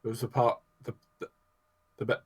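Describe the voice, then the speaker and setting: A man chatting casually as a podcast co-host, breaking off mid-word while his mic audio cuts out and the volume jumps up and down. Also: fairly quick. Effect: audio cutting out, uneven volume. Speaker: podcast co-host reviewing an album. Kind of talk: casual chat among friends.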